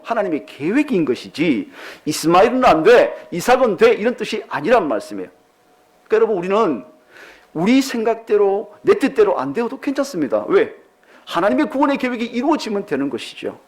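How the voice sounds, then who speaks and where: A man's voice: high voice, a little mellow. A man preaching a sermon as pastor, posing many rhetorical questions to the congregation.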